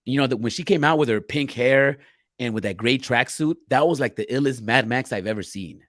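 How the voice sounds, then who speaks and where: A man co-hosting a loose live-stream chat at a middle pitch, with dry, close sound. He speaks bluntly and swears casually, reading out viewer questions and riffing on them. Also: a little fast, fairly bright tone, dry recording. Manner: loose, profane, reads chat questions aloud. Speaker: podcast co-host.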